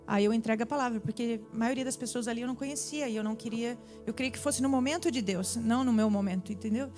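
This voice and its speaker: A young woman tells her testimony from the church stage, her voice pitched a little high. She tells it in an animated way, acting out each exchange. Soft music plays faintly behind her. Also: quick pace. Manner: animated storytelling, acts out dialogue. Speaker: preacher. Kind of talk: sermon testimony.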